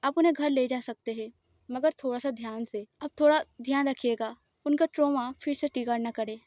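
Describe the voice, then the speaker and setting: A woman voicing a polite, calm doctor giving careful advice. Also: high voice, a little fast, dry recording, clean studio sound, close to an everyday voice.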